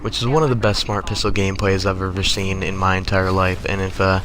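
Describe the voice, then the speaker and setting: A young American man, a gaming video creator, tells casual comic stories over gameplay in a profane, exasperated, conversational way. His voice sits low with little pitch movement, and he talks a little fast. Crowd noise is noticeable in the background.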